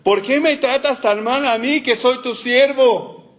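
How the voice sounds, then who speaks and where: A man voicing Moses as a put-upon man complaining to God in a high, drawn-out, self-pitying whine. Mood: whiny.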